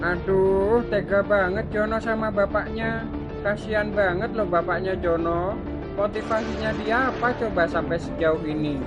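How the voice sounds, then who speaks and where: A woman's voice: medium pitch, measured pace, natural voice. A woman voicing a nosy, chatty neighborhood chief who talks with incredulous fuss, over music. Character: fussy nosy neighborhood chief, middle-aged man. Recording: clear music bed behind voice.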